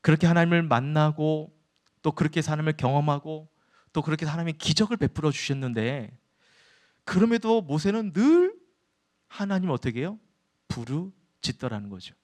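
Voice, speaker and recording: A man's voice: a little high, very animated, normal speed, a little mellow. A man preaching a sermon in a church, often turning to his listeners with questions and answering them himself. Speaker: pastor.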